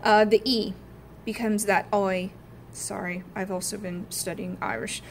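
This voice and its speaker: A woman's voice: mid-range voice, steady tone, unhurried, slight background noise. Chatty woman talking through accent notes. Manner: chatty, thinking aloud with many fillers; demonstrates accent sounds in short bursts. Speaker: acting student. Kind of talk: casual spoken practice notes.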